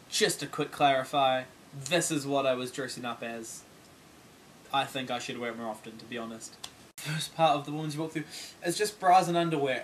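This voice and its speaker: A man's voice: fairly high pitch, a little hiss or hum. A teenage boy vlogging a comic story about a shopping mishap, exasperated and swearing freely, acting out the people in it. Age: teens. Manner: animated, exasperated, quick to swear, acts out other people's lines.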